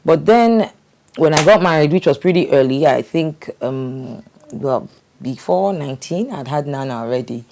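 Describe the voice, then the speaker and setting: A middle-aged woman candidly telling her life story in conversation, halting with fillers and restarts. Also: deep voice, lively intonation, a little mellow. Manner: hesitant, with frequent fillers and restarts.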